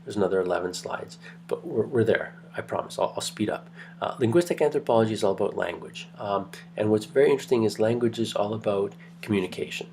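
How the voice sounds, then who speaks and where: A man with Greek roots talks quietly through a recorded anthropology lecture from home late at night, chatty and meandering, with frequent fillers and false starts. His voice is lowish and he talks fast. Slight background noise is audible.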